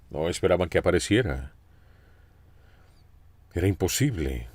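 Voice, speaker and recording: Male preacher, deep and animated, expressive sermon delivery, dry close recording. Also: dry recording. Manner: expressive storytelling with questions to listeners.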